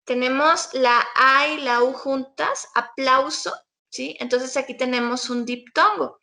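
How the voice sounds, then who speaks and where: Lady teacher going over grammar, high bright voice, keeps asking "right?". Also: unhurried, vocal fry. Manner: patient, explanatory, checks in with frequent "¿sí?". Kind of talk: online exam-prep lecture.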